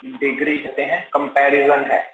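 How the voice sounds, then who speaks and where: A man's voice: mid-range voice, completely flat delivery, moderate pace, fairly bright tone, slight background noise. A man with an Indian English accent teaching a live exam-prep class, explaining step by step and asking and answering his own questions. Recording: roomy, slightly dull live-class audio.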